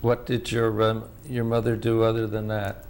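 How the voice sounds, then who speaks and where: Gravelly-voiced male interviewer. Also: fairly low pitch, monotone, a little mellow, slight background noise. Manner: formal, measured questioning. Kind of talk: oral history interview.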